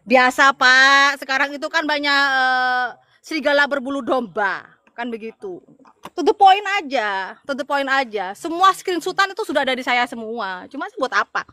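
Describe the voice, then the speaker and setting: A woman's voice: high-pitched, lively intonation, normal speed, bright, forceful tone, dry recording, studio quality. A middle-aged woman from Madura, Indonesia, an evangelist talking casually to her viewers, stressing and repeating her points. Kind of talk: casual livestream talk to viewers.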